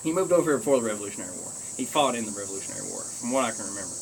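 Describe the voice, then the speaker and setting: A man's voice: fairly low pitch, animated, very fast, creaky, noisy background. A man with a rural Kentucky Southern accent, chatting casually and folksily to viewers in a rambling way while smoking a pipe. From Kentucky, United States. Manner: folksy, drawling country speech. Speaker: pipe-smoking video blogger.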